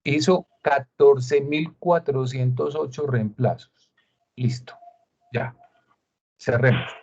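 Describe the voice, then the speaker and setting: A man teaches a screen-share tutorial in a slow, mid-range, darkish voice, carrying a Colombian Spanish accent. He breaks things down step by step with rhetorical questions, captured in dull, lo-fi video call quality.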